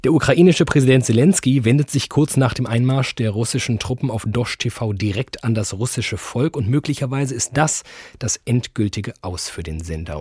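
A man presenting a radio program, reading calm, scripted links. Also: mid-range voice, slightly rough, dry recording, clean studio sound. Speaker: radio host.

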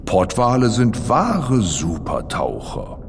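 A man's voice: on the low side, wildly swooping pitch, takes it slowly, vocal fry, long reverb tail, slight background noise, heavily acted. A man playing an easygoing, boastful, friendly giant blue whale, explaining things colloquially in a playful children's audio feature. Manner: colloquial, addresses the young listener directly.

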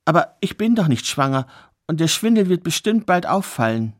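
A man voicing an anxious young queen who pleads in a raised, higher voice while telling a spoken fairy tale. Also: sing-song, moderate pace. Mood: alarmed.

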